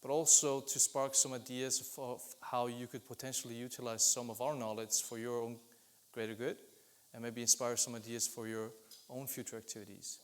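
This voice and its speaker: An Icelandic man, a business development lead, gives a conference presentation at an industry event. His voice is medium-pitched and he talks a little fast. His delivery is steady and explanatory, with occasional restarts.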